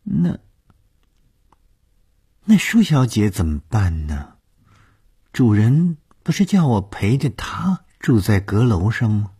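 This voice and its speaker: A man's voice: low-pitched, animated, slow, dark tone, breathy edge, voice pushed up, heavily acted. A man voicing a timid eighteen-year-old maid who speaks shyly and hesitantly, in a storytelling reading. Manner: shy and hesitant.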